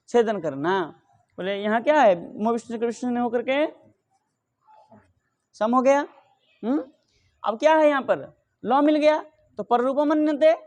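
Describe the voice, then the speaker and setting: A middle-aged man teaching Sanskrit grammar, asking questions and answering them himself, reciting the rules slowly. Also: very high voice, darkish tone. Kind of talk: explaining grammar rules in a lesson.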